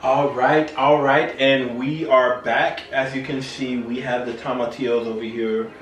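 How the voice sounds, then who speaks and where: A man's voice: medium pitch, level tone, measured pace, fairly bright tone. A tipsy man hosting a casual home cooking demonstration, talking in a loose, rambling way. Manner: tipsy, loose and rambling, drinking shots as he cooks. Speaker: cooking show host. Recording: roomy echo, distant mic, music behind. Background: music.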